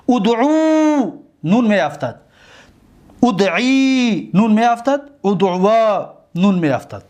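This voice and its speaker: A high-pitched man with a Tajik-accented Persian voice leads a grammar class. He recites each verb form slowly, stretching the words out. He often pauses to ask whether his listeners are following. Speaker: Arabic morphology teacher.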